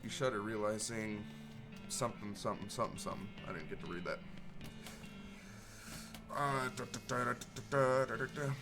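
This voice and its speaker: A man's voice: lowish voice, moderate pace, pauses often. Man casually streaming a game over music. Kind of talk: casual game playthrough commentary.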